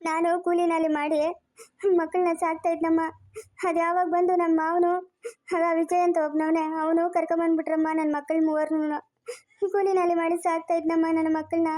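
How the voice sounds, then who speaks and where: A woman's voice: high voice, little pitch movement, fast talker, warm tone, dry recording, clean studio sound, lightly acted. A woman voicing a poor, middle-aged male farm laborer who pleads and cries in a cartoon story. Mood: weeping. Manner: pleading, self-pitying. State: crying. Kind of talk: cartoon voice acting.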